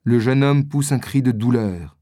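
Slow, calm storybook narrator. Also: medium pitch, no room sound, clean studio sound. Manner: calm, measured. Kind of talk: storybook reading.

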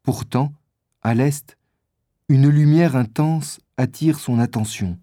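A man narrating a children's adventure story in a measured storytelling manner. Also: medium pitch, warm tone, no room sound, clean studio sound.

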